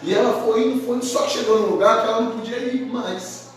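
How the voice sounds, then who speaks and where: Male pastor, lively colloquial storytelling sermon, voice on the high side, distant and very echoey. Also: quick pace. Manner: lively, colloquial, acts out characters. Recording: very echoey hall, from far off.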